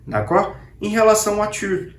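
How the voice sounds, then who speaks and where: A man's voice: high voice, very animated, a little hiss or hum. Chatty man teaching in an echoey room. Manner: chatty, repeats words slowly for the viewer to copy. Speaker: French teacher. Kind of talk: casual online language lesson.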